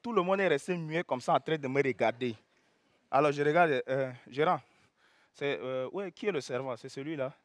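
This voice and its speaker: A man performing a comic stand-up story, animated and bursting into loud exclamations. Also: on the high side, moderate pace, no room sound. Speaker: stand-up comedian.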